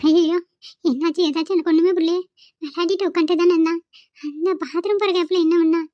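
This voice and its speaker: A woman's voice: very high-pitched, steady tone, quick pace, dark tone, no echo, soft background music. A woman voicing an elderly female nanny who pleads and frets in a cartoon. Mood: fretful. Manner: pleading and fretful. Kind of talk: cartoon voice acting. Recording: dull, dry home recording.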